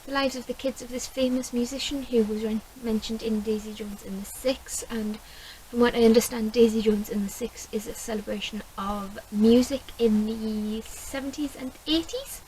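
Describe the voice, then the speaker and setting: A woman's voice: fairly high pitch, fairly even intonation, moderate pace, hardly any pauses, dark tone, slight background noise, rough recording. A woman with a Geordie accent chatting casually to camera about books, rambling and correcting herself as she goes. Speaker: book vlogger.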